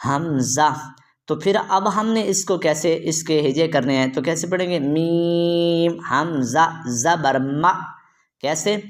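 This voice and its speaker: Man drilling recitation syllable by syllable. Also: fairly high pitch. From Pakistan. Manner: drills by asking how it is read, then answering; drawn-out melodic recitation of verses. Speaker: Quran recitation teacher. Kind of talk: tajweed lesson, spelling out syllables.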